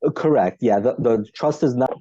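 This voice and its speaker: A man presenting a webinar whose video-call audio cuts out in choppy bursts, halting and repeating words. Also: medium pitch, warm tone, muffled recording. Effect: choppy, cutting-out video-call audio. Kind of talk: explaining to a live online audience.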